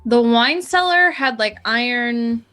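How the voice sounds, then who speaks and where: A woman's voice: a little high, expressive, slow, fairly bright tone, faint music behind. A woman playing a tabletop game, asking the dungeon master questions and thinking her moves aloud. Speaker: player. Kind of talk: casual tabletop play.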